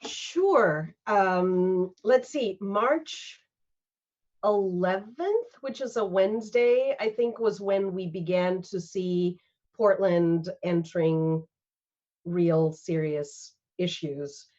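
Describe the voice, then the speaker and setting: Speaking slowly in a fairly low, somewhat dark voice, a Singaporean woman who organizes an arts fund talks earnestly and from the heart during a panel conversation on a video call. She uses a lot of fillers, and the call audio is dull and lo-fi.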